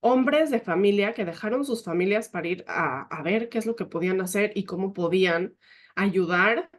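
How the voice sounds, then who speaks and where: A woman's voice: medium pitch, moderate pace. Earnest woman telling a story. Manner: often quotes herself and others. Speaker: team leader giving a leadership talk. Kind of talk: personal testimony talk.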